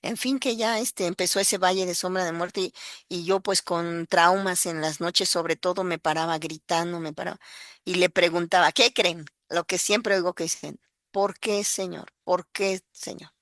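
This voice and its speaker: This woman, also Mexican-accented, has a fairly low, fairly bright voice with fairly even intonation and a moderate pace, captured dry and clean in a studio. Her emotional testimony is earnest and packed with fillers, and she acts out quotes along the way.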